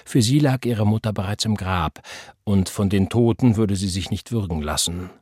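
A man narrates a novel in a measured, calm way. His low voice has a husky, breathy edge. The recording is close and dry, with no room sound. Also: no room sound. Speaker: audiobook narrator. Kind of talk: scripted narration.

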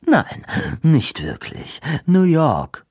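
A cold, disdainful lord as a man reads him aloud, clipped and affected, in a storybook reading. The voice sits low, the delivery is slow, and the sound is dry and close. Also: big pitch swings, husky, no room sound, heavily acted. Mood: haughty disdain. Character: haughty aristocratic lord, coldly dismissive man.

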